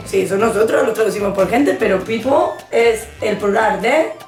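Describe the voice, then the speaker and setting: A woman's voice: medium pitch, normal speed, reverberant. A woman, explaining English mistakes in a casual co-hosted lesson, teasing her partner. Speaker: co-host teaching English.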